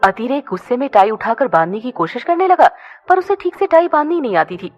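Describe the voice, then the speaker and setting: A woman narrating a scripted audio story with an expressive, lively delivery. Her voice sits a bit high and swings widely in pitch. The recording is dull and lo-fi. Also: a little fast.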